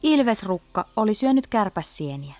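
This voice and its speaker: A woman narrating a storybook in a lively storytelling way. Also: medium pitch, faint music behind.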